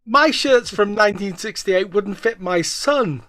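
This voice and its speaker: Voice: medium pitch, expressive, unhurried, fairly bright tone, no room sound. A folk club singer, introducing a song at home during lockdown in a rambling, self-mocking way full of stumbling restarts. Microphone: online session.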